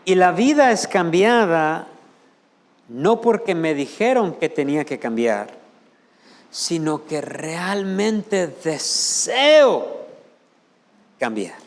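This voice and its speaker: A pastor from the United States delivers a Spanish sermon in a church sanctuary, peppering the congregation with rhetorical questions and mimicking how people sound. His fairly high voice is sing-song, slow, and broken by long pauses, with a long hall reverb around it.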